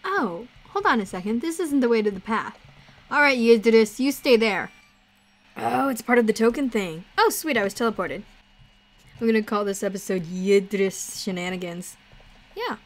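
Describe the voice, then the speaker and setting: A woman streamer giving chatty, excitable commentary on a game she is playing. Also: a little high, normal speed. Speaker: gaming streamer.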